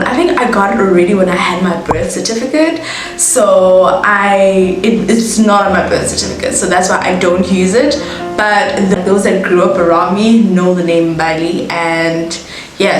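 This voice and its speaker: South african woman, twenties, chatty vlogger, very echoey room, music playing underneath. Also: medium pitch. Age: 20s. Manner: chatty, laughs at herself, bubbly asides. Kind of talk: casual get-to-know-me chat. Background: background music.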